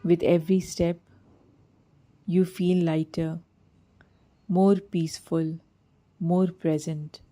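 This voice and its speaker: Reading a scripted guided meditation, a woman speaks in a soft, mellow voice on the lower side, keeping a level tone. Her pace is very slow and soothing, her phrasing gentle and measured.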